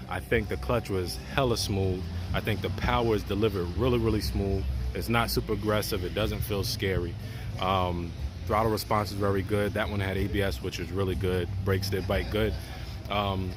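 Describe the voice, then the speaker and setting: A man's voice: fairly low pitch, noisy background. A young man vlogging casually outdoors, laid-back and slangy, upbeat as he chats about motorcycles. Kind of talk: casual vlog chat. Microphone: phone held at arm's length, helmet mic while riding.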